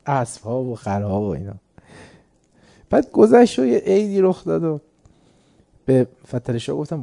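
A man's voice: mid-range voice, mellow. A man giving a religious lecture, telling an anecdote in a conversational way and chuckling at his own story.

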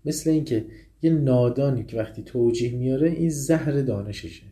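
A man lecturing on classical poetry. He chants the verses slowly and explains them in quick, casual speech. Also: medium pitch, dark tone.

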